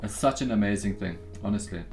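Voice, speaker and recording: This young South African man hosts a live trading stream with faint music behind him, talking fast in a lowish, creaky, darkish voice. He chats cheerfully and casually, speaking right to viewers and calling them guys and bro.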